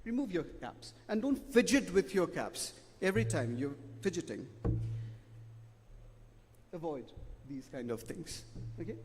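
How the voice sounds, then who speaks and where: Man, middle-aged, slightly high voice, emphatic, echo of a large hall. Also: expressive, measured pace, long pauses, a little mellow, a little hiss or hum. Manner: emphatic, repetitive, ends points with "okay?". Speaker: debate judge. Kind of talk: spoken feedback to students. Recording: long hall reverb.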